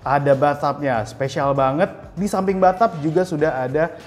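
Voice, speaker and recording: A man's voice: fairly high pitch, normal speed, faint music behind. A man presenting a property on a walking house tour, talking upbeat and straight to the viewers. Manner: upbeat, addresses viewers directly. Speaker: real estate house tour host.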